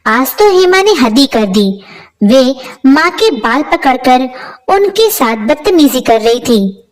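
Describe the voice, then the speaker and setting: A woman's voice: high voice, big pitch swings, slow pace, full character voice. A woman voicing a worried young husband in a storybook tale, stern and exasperated. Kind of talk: storybook character voice.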